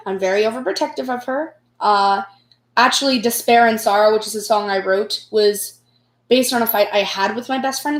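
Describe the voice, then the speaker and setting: High-voiced young American woman, rambling in an echoey room. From United States. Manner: rambling, self-deprecating, giggly. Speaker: vlogger. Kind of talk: casual personal storytelling.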